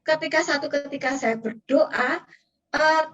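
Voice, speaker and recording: A woman pastor delivers an emotional, earnest sermon, speaking straight to her congregation. Her voice sits high. The sound is caught from some distance off the microphone. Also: steady tone, unhurried, a bit bright, highs cut off. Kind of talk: sermon with personal testimony. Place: church service. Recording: distant from the mic.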